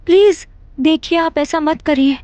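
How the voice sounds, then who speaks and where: An actress playing a gentle young daughter-in-law who soothes and apologises to her mother-in-law. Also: sits high, measured pace, no room sound. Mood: soothing.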